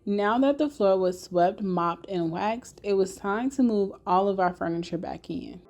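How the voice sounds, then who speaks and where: Music plays under a woman's mid-pitched voice. She narrates a home makeover vlog in a casual way, dropping in informal, folksy asides as she explains things. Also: a little slow, darkish tone. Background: background music.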